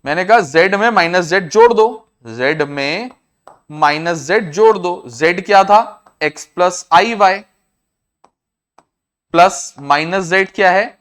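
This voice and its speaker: A man with an Indian accent teaching a maths class, explaining each step slowly and repeating himself. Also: high voice, fairly bright tone. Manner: repetitive, explains step by step, often says "I said". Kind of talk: classroom lecture to students.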